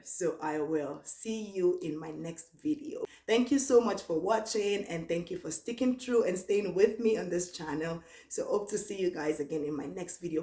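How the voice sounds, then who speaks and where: A young Nigerian woman with a low, easygoing voice talks casually through a question-and-answer vlog. She reads each question aloud slowly, then answers in a relaxed, chatty way. Her voice rings in an echoey room. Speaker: vlogger.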